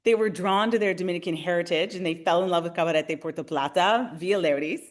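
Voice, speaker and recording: A woman's voice: lowish voice, quick pace. A woman in her forties from Canada, a realtor hosting a webinar, who talks in a friendly, enthusiastic way and speaks straight to her viewers. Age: 40s. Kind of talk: upbeat webinar presentation.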